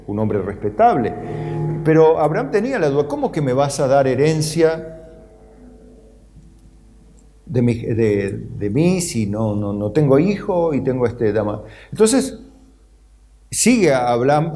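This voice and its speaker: A middle-aged Argentine man preaching a sermon as pastor, acting out the voices of Bible figures. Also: warm tone. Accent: Argentine Spanish. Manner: acts out Bible figures' voices with rising pitch.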